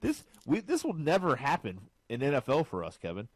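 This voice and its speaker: A man co-hosting a casual sports podcast, his pitch leaping around as he jokes and gets excited. The sound is close and dry, with no room echo at all. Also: brisk. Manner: animated, jokey, swings pitch high when excited. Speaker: podcast co-host.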